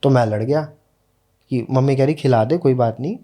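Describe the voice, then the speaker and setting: Young guy on a podcast telling his own story, mellow tone, earnest, slows down for the big moments. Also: mid-range voice. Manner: earnest, emotional retelling, slows down at key moments. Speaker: podcast guest. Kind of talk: casual storytelling.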